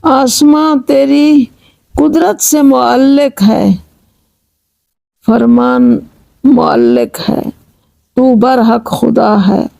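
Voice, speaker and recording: Woman, devotional recitation, gravelly voice, mellow tone, slow pleading chant, measured explanation. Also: high-pitched, lively intonation, no echo, rough recording. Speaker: religious reciter and translator. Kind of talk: devotional recitation with line-by-line translation.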